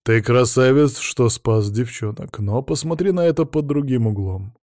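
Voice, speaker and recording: A man's voice: mid-range voice, normal speed, dark tone, no echo, clean studio sound, close to an everyday voice. A man voicing a blunt, lecturing male veteran mentor in an audiobook. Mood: gruff, lecturing. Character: gruff veteran male mentor, mocking and stubborn.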